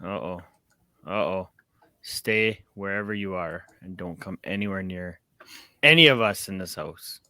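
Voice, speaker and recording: A man's voice: low voice, moderate pace, bright, forceful tone, smooth, dry recording, studio quality. A young man hosting a casual sports podcast, upbeat and rambling with plenty of fillers. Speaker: podcast host.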